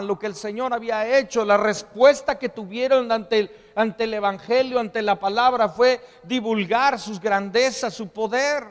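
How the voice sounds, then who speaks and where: A man preaching a sermon to his congregation, reading scripture aloud and asking them to repeat phrases after him. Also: high voice. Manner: call-and-response preaching, asks congregation to repeat. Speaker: pastor. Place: church hall. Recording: long reverb in a church hall.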